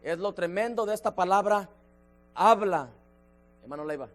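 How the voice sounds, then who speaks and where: A man leading a church Bible study, emphatic, slowing down to stress key words and addressing listeners by name. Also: high voice, lively intonation, soft background music. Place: church sanctuary.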